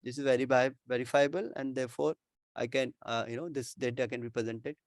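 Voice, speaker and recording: A man with an Indian accent explains things step by step in an informal question-and-answer session. His voice sits at an ordinary male pitch and is recorded dry, with no room sound. He often rephrases and checks in with a short "right?". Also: steady tone, brisk, no room sound. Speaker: expert presenter answering questions. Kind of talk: informal explanatory Q&A with worked examples.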